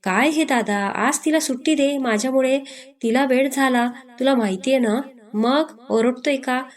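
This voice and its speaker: A cheeky, playful young sister voiced by a woman storyteller protests in a high, quick voice. She teases and argues back fast. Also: close to an everyday voice. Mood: pleading. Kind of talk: storybook reading.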